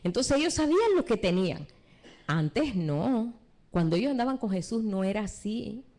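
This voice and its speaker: Dark-voiced woman preaching a live seminar. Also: mid-range voice, moderate pace. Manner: animated preaching with rhetorical questions and retold anecdotes. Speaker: seminar teacher. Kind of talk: live church seminar teaching. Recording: live stream recording.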